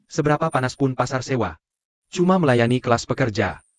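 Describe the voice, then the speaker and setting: A man dubs a businessman and boss who talks curtly. His voice is of medium pitch, and the sound is dry. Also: animated, a little fast, dry recording, natural voice. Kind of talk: Indonesian dub of a drama series.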